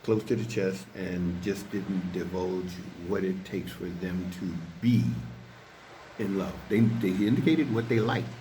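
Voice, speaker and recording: A man with a low voice co-hosts a casual recap, pausing and repeating phrases as he reasons. He is outside on a seaside balcony, with a slight echo and faint ambient noise. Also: steady tone, mellow. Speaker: podcast co-host. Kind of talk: conversational TV recap. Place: outdoor balcony by the sea. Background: waves, ambient noise.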